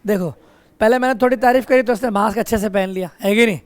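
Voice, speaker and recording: Students chatter in the background as a high-pitched male teacher lectures quickly, weaving banter into the lesson by teasing and scolding the class between explanations.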